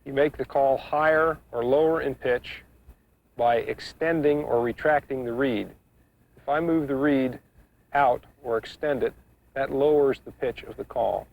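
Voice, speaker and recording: A man with a creaky, gravelly voice teaches a practical skill. He explains things step by step in a measured, matter-of-fact way, as an instructor would in a demonstration. The sound is dull and a little lo-fi, like an older instructional video. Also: medium pitch. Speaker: duck calling instructor.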